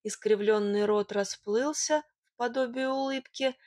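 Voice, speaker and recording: A woman narrating a first-person storybook in a lively, expressive way. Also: a little high, a little slow, dry recording, clean studio sound. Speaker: audiobook narrator.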